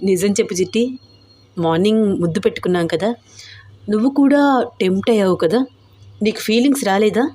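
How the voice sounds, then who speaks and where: A woman's voice: mid-range voice, a little fast, long pauses, dark tone, natural voice. A woman voicing a teasing young husband. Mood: coaxing. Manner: coaxing, teasing, persistent. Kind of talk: storybook character voice.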